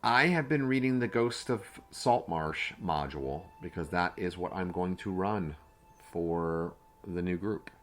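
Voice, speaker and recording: A man's voice: sits low, unhurried. A man co-hosting a podcast in a casual, rambling chat, full of fillers and restarts. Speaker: podcast co-host and game master.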